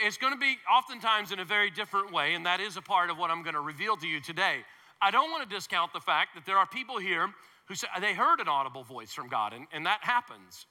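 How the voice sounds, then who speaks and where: A man's voice: sits high, pushed and bright. A male pastor preaching a sermon to his congregation, emphatic and conversational, with playful asides. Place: large church hall. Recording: long hall reverb.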